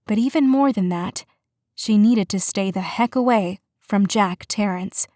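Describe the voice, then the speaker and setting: Woman audiobook narrator, measured even read, mid pitch, dry close studio mic. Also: dry recording. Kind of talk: scripted narration.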